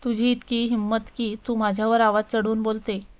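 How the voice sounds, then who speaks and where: Woman voicing a cruel angry husband, scornful, flat delivery, smooth voice, muffled audio. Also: a little high, normal speed, natural voice. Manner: harsh, shouting, scornful.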